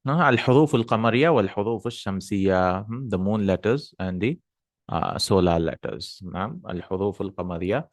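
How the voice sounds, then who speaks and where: A man's voice: on the low side, expressive, normal speed, no echo. A man teaching a beginners' Arabic lesson over a call, switching between Arabic and English and answering students with short hums of approval. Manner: patient, corrects with short hums and yes.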